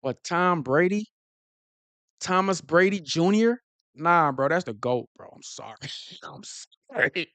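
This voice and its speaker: A man hosting a casual live stream, talking fast and excitedly, repeating himself and using slang. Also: a little high, clean tone, no echo. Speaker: football streamer host.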